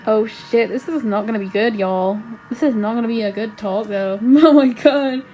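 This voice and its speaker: Woman, reaction host: excitable, slangy, profane commentary, slightly high voice, faint background noise. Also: moderate pace.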